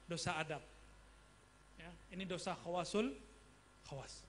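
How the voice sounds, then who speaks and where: High-voiced man preaching conversationally. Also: unhurried, a little hiss or hum. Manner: conversational, asks the audience questions. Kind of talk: religious study lecture. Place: study gathering.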